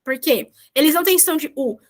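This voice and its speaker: A young woman teaches an online class over a video call, chatty and encouraging, drawing out example words slowly. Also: high-pitched, animated. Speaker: language teacher.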